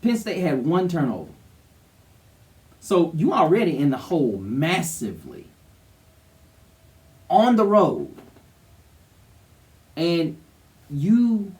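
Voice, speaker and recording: A man's voice: a little high, huge pitch swings, slow pace, pauses often, darkish tone, recorded from a distance. A man co-hosting a sports show, giving casual, emphatic, opinionated commentary. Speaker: co-host of a college football show.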